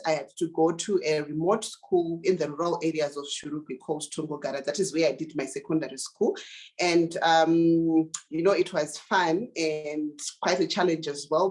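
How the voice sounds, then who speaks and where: A young woman from Zimbabwe, a digital marketing consultant, tells her life story in an interview, earnest and full of fillers and restarts. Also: low voice. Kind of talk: interview answers, personal story.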